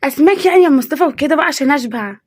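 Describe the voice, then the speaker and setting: A young woman with an Egyptian accent plays a demanding wife in a comedy sketch. Her voice is high and her delivery is quick. She pleads and whines without letting up. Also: animated. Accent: Egyptian Arabic.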